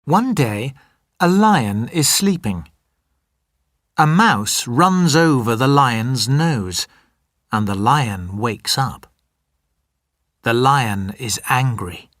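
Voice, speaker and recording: Male children's story narrator, very slow, dry studio sound. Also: medium pitch, expressive, fairly bright tone, no echo. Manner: slow, clearly paced.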